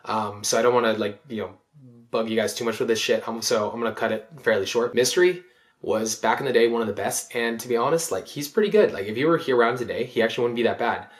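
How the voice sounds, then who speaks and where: A man's voice: mid-range voice, fast talker. A man giving casual reaction commentary as a dating coach, rambling with many fillers and frequent swearing.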